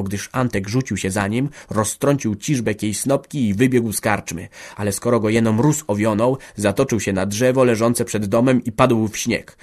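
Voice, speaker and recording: Low-voiced male audiobook narrator. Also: darkish tone. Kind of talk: scripted literary narration.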